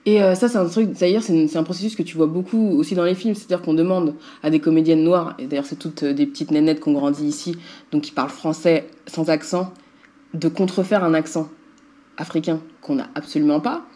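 Frank woman dubbing actress, mellow voice. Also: low voice, fairly even intonation, a little fast. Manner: frank, conversational. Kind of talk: documentary interview.

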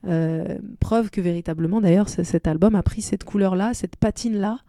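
A singer-songwriter whose first language is Arabic talks thoughtfully about her music in a relaxed interview, often restarting as she searches for the right words. Her voice is warm and medium-pitched at normal speed, recorded dry and clean in a studio.

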